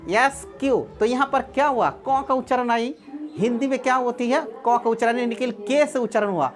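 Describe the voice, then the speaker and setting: A woman teaching a class of online students, repeating key words and asking the students questions. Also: a little high. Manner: repetitive, asks rhetorical questions.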